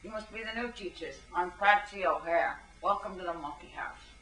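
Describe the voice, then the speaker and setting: Brash chatty woman teacher voiced by a man, high breezy voice, friendly and blunt, roomy distant sound. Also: normal speed, sharp tone, faint music behind. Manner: breezy, swears casually.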